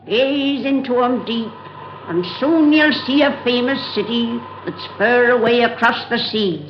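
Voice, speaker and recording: A woman's voice: medium pitch, slight background noise. Old Nancy, a cackling 109-year-old witch. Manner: cackling, drawling, folksy and ungrammatical. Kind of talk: 1930s radio drama narration. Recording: roomy, dull vintage radio recording.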